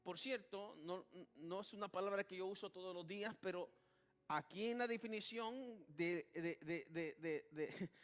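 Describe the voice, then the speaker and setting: A man with a high voice and a fairly bright tone preaches in Spanish at a moderate pace. He keeps calling out to the congregation, repeating "hermano" and "alabado sea el nombre de Jesús," and restarts his sentences often.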